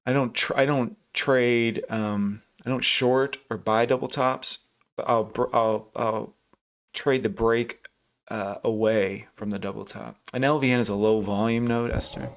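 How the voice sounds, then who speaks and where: A man thinks aloud while commenting on a live trading stream, with a gravelly edge to his voice. His pitch sits in the middle for a man. He talks casually, restarts sentences and answers viewers by name. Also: steady tone, a little slow. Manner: thinking aloud, chatty, restarts, reads out chat names. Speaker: livestream day trader.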